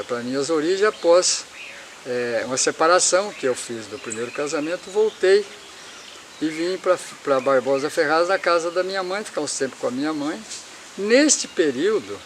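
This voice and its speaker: A man's voice: on the high side, a little hiss or hum. A man in his seventies from Paraná, Brazil, telling his life story in a rambling way and repeating himself. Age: 70s.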